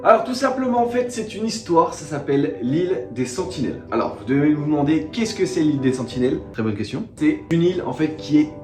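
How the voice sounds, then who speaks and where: A man's voice: fairly high pitch, big pitch swings, fast talker, hardly any pauses, reverberant, over music. A young man vlogging from his living room, rambling in slangy, self-mocking chatter with many fillers. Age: young adult. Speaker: YouTuber. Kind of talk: casual vlog storytelling.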